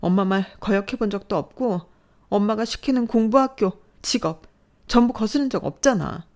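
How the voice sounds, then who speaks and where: A woman's voice: mid-range voice, moderate pace, a little mellow, voice pushed up, close to an everyday voice. A woman voicing a distressed young adult daughter who pleads and lashes out at her mother in a dramatized story. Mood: distraught. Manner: pleading, tearful outbursts.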